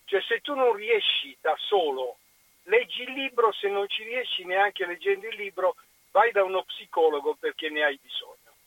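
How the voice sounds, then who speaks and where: A man phoning in to a radio show on speakerphone, telling a lively anecdote in a chatty way. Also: sits high, normal speed, no echo. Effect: on speakerphone over a phone line. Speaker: caller. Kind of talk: phone-in chat, telling an anecdote. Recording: dull phone line, speakerphone.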